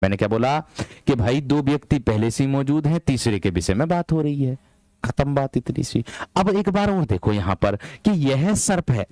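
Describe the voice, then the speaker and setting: A young man teaching a live online Hindi grammar class for police exam students. He speaks slowly and deliberately, repeats phrases and calls the students "my brave one" in a firm, hard-edged voice. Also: medium pitch, a little mellow, dry recording. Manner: deliberately slow, drawn-out delivery.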